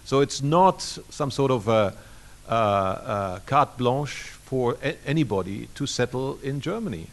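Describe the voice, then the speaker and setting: Man on a panel answering formally, even middle voice. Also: mid-range voice, unhurried, gravelly. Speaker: panelist ambassador.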